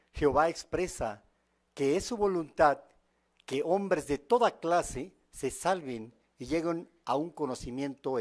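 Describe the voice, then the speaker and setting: A man with a slightly raised pitch presents at a congregation meeting. He cites scripture in a measured, formal way before introducing a video.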